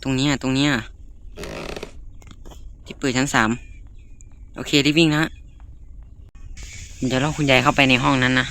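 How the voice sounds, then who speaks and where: Excitable young Thai gamer man. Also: medium pitch, normal speed, gravelly, long pauses, slight background noise. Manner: excitable, talks to viewers as he plays. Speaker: gaming YouTuber. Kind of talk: live gameplay commentary.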